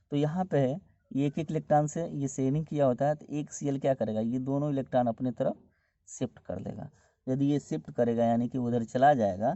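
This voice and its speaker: A man teaching a chemistry lesson, explaining each step slowly and repeating key terms as he goes. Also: medium pitch, dark tone, no room sound. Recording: dull, dry lo-fi recording.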